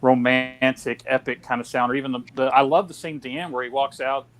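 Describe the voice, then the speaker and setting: A man's voice: medium pitch, little pitch movement, brisk, soft background music. A man hosting a casual film discussion, chatty with lots of fillers and restarts. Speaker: podcast host.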